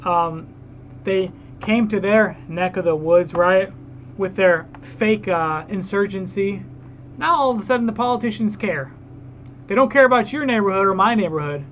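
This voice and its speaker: A man's voice: high voice, moderate pace, fairly bright tone, highs cut off, slight background noise. A man hosting a reaction video, ranting heatedly and talking straight to his viewers. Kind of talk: casual reaction commentary.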